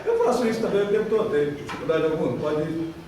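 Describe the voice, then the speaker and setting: A man's voice: high voice, big pitch swings, rapid-fire. A Brazilian man playing a blunt, impatient male therapist in a retold comedy sketch, snapping short commands. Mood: breezy. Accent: Brazilian Portuguese. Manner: snappy, exasperated, shouting commands. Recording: echoey hall from far off, faint noise.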